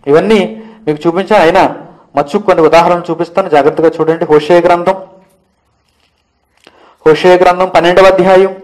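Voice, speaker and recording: A man's voice: on the high side, darkish tone, rough recording. A man teaching a Bible lesson, preaching with rising emphasis and firing off rhetorical questions. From India.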